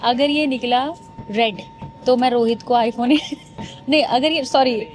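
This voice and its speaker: Chatty young woman vlogging, pitched up. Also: slow, noisy background. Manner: chatty, addresses viewers as guys, mixes in English. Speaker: vlogger host. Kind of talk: casual vlog chat. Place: airport terminal.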